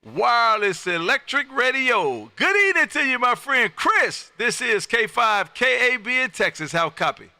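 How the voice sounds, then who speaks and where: Really bright high-ish guy doing ham radio calls, hearty and friendly, close dry mic. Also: animated, normal speed, gravelly, hardly any pauses, no room sound. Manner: hearty, friendly, punchy sign-offs. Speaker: amateur radio operator running contacts. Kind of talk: ham radio calling and chat.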